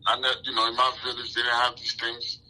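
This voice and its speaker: A man in his forties, born in Haiti, talks through his answers in a loose, rambling way. He leans on frequent fillers and restarts. His voice is very bright and tense, at a middle pitch. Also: monotone, fast, poor audio. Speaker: interview guest. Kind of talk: casual interview talk.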